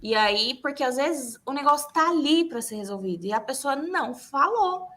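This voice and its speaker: Bright-toned, animated Brazilian woman. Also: high voice, moderate pace. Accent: Brazilian Portuguese. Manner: candid, animated storytelling with acted-out quotes. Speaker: podcast host. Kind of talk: casual chat.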